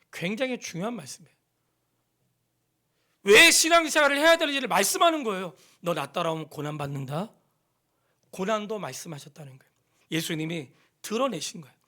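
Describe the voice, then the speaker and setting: Middle-aged male pastor, fairly high voice, emphatic sermon delivery with call-and-response to the congregation. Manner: emphatic preaching, swings from loud exhortation to hushed near-whispers; questions the congregation and has them repeat lines. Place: church sanctuary.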